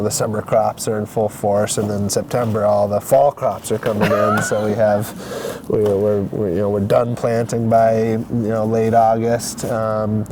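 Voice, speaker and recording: A man who runs a vegetable farm, explaining his growing season in a halting way with many fillers. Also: fairly low pitch. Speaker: vegetable farmer. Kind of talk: outdoor interview. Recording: noisy outdoor sound.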